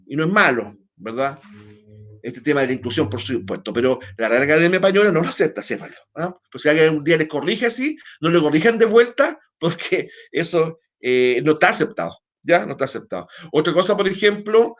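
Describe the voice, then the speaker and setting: Animated and a little fast, with a fairly high, bright voice, a Chilean man explains at length during an online class. His speech flows loosely with hesitant restarts, and he keeps checking in with tag questions.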